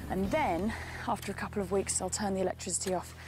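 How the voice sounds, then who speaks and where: A woman's voice: mid-range voice, steady tone, fast, a little hiss or hum. Exclamatory woman presenting nature documentary on location. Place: on location during animal work. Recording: loud music under location sound.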